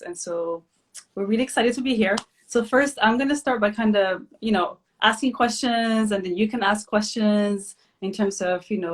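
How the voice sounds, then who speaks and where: A woman from Ethiopia in her thirties, hosting a casual live chat, relaxed and chatty with many fillers. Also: mid-range voice. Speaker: host, physician.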